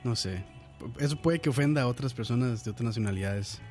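A man's voice: medium pitch, a little fast, a little mellow, slightly rough, faint music behind. A man with a Costa Rican accent co-hosting a casual podcast, often restarting his sentences. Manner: hesitant, restarts, uses 'mae'. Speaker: podcast co-host. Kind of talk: casual chat.

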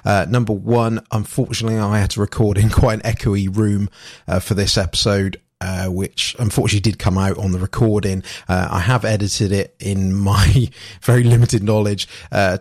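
A man's voice: on the low side, fairly even intonation, moderate pace, clean studio sound. A man hosting a podcast in a casual, jokey way, recorded in an echoey bare room. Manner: jokey, laughs often. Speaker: podcast host. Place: room being decorated, indoors.

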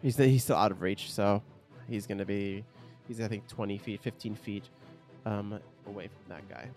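Excitable man, quick to exclaim. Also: on the low side, faint music behind. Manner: excitable, exclaims and laughs often. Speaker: player. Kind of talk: tabletop game play.

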